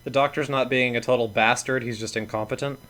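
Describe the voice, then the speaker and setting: A man's voice: mid-range voice, steady tone, quick pace, fairly bright tone. A man co-hosting a casual podcast chat, blunt and ranting, swearing freely and laughing between points. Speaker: podcast co-host.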